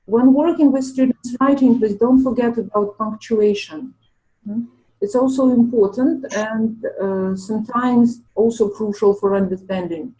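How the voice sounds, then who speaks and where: A woman hosts a panel of language teachers. Her voice is mellow and relaxed, and she speaks in a measured way, pausing often to think aloud. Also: fairly high pitch, poor audio. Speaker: webinar host.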